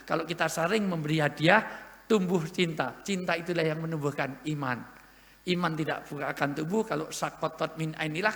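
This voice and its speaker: A man preaching a humorous sermon to an audience, lively and joking, with sudden loud emphasis. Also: fairly high pitch, vocal fry. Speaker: Islamic preacher. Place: large hall at an event. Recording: echoey hall with long reverb.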